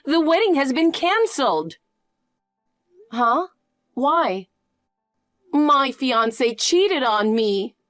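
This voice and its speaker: Woman doing a pushy greedy mom, shrill, slow talker. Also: very animated, fairly bright tone, dry recording, soft background music, heavily acted. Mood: pleading. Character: greedy pushy birth mother, middle-aged woman. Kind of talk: animated story voice.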